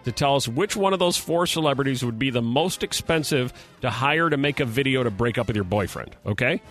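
A man's voice: mid-range voice, lively intonation, a little fast, a bit bright. An American man hosting a morning radio contest with playful, joking banter. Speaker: radio show host. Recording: music bed behind voice. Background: background music.

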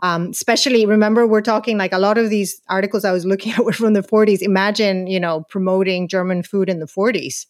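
A woman's voice: medium pitch, steady tone, fast, hardly any pauses, no echo, studio quality. A woman co-hosting a podcast, talking enthusiastically in casual conversation. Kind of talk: casual chat.

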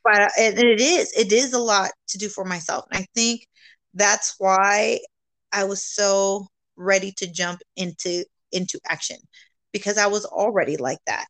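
A woman's voice: medium pitch, measured pace, fairly bright tone, no echo. Earnest woman guest, code-switching freely. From California. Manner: switches between English and Spanish, earnest, laughs often. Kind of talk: casual bilingual interview chat.

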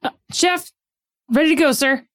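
A soft, plump rabbit cook played by a woman answers the chef with eager, earnest quickness. Her voice is lifted above its usual pitch. She sounds keen to please. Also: lightly acted.

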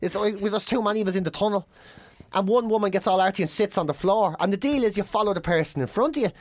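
A man's voice: high voice, fast, no room sound, studio quality. A man, a comedian host telling a funny story in casual chat, swearing and mimicking people. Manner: animated, swearing, mimics others.

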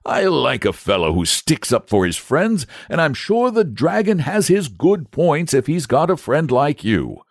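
A man's voice: a little high, sing-song, a little slow, few pauses, dry recording, studio quality, voice pushed up, heavily acted. A man voicing a courteous, somewhat pompous knight in a raised, declaiming voice. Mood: grand, kindly. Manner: grand and courteous. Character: kindly, pompous knight-saint, adult man.

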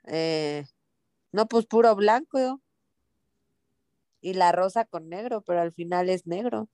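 A woman's voice: lowish voice, slow, dark tone, dry recording, studio quality. A woman co-hosting a casual sports chat, giving brief agreeing replies and offering stats. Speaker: co-host.

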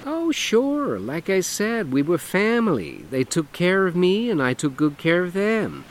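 A man's voice: sits high, very animated, unhurried, slight background noise, pitched above the performer's own voice, low-quality recording. A man voicing a flamboyant, brash lawyer who talks in a camp, sassy, emphatic drawl.

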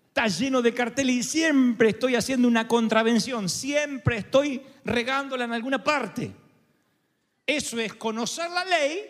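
A male pastor preaches in a high, sweeping voice that leaps up and down, pressing his listeners with rhetorical questions. His words carry a long reverb from a church hall. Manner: lively, rhetorical, asks the audience questions. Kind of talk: sermon.

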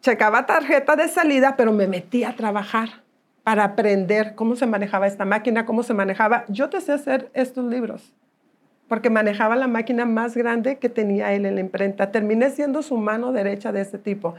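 A middle-aged Mexican woman speaking as an interview guest. Her voice sits fairly high for a woman, and she tells her story in an animated way, acting out the voices of the people in it. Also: brisk. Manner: animated, acts out quoted voices. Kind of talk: conversational storytelling.

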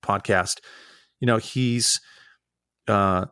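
A man's voice: lowish voice, fairly even intonation, very slow, fairly bright tone, clean tone, no echo. A man who works as a voice actor, chatting casually as an interview guest. He is earnest and self-deprecating, and often restarts his sentences. The sound is dry and close.

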